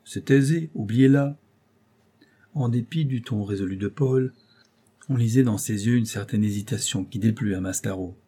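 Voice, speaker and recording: A man reading a novel aloud as an audiobook narrator, in a measured storytelling manner. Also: fairly low pitch, steady tone, warm tone, breathy edge.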